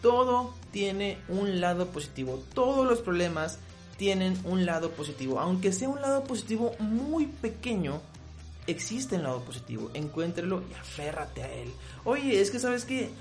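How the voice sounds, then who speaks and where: Mexican guy doing an advice podcast, super expressive voice, pitch all over the place, acts out the fights himself. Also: moderate pace, soft background music. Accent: Mexican Spanish. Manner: animated, acts out both sides of quoted arguments. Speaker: podcast host giving relationship advice. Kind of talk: casual advice monologue.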